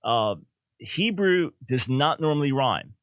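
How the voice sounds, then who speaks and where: An older man teaches on his call-in show, emphatic and explanatory, doubling back on words as he restarts a thought. His voice sits at an ordinary middle pitch. The sound is dry and close, with no room to it. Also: animated, slow pace, a bit bright, no echo. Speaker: radio talk show host and Bible teacher.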